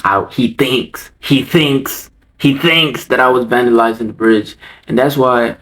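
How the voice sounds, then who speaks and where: A man's voice: mid-range voice, measured pace, a bit bright, poor audio. A man telling a personal story in a casual, laid-back storytime vlog, loose and swearing freely.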